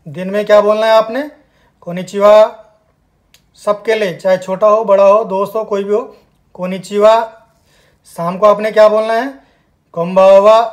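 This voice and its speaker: A man teaching a spoken language lesson, repeating words slowly and emphatically for learners to copy. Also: high-pitched. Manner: slow, emphatic repetition of words.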